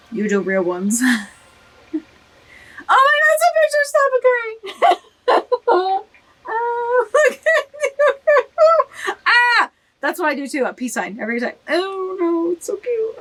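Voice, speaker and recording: A giggly, teary young woman chatting through a game, her voice pitched a little high and swooping up and down as she gushes. Faint game music plays quietly behind her. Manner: gushing, giggly, emotional. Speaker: gaming video creator. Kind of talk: casual let's play commentary.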